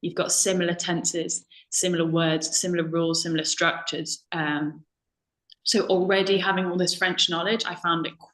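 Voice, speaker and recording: A woman's voice: on the low side, little pitch movement, normal speed, fairly bright tone. A woman chatting casually as a guest, full of ums, acting out her own past remarks. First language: English. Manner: chatty, lots of ums and self-quoting. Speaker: guest speaker. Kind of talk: casual conversation. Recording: roomy echo.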